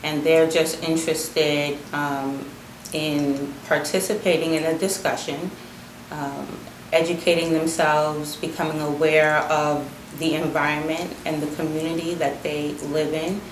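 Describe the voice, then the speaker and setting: Low, even-voiced woman in an echoey room. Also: a little hiss or hum. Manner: measured, with frequent fillers. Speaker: community outreach liaison. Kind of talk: interview answers.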